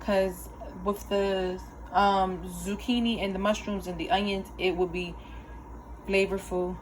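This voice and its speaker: A woman's voice: mid-range voice, steady tone, measured pace, slight background noise. A young adult woman chatting casually to viewers while cooking in her home kitchen, folksy and talkative. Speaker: cooking vlogger.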